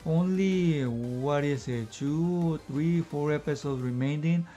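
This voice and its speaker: Recorded with dull audio and faint music behind him, an anime reviewer with a mellow, somewhat high male voice does a casual, unscripted review in one take. Slightly breathless, he rambles and fills gaps with "you know" and "I guess you can say."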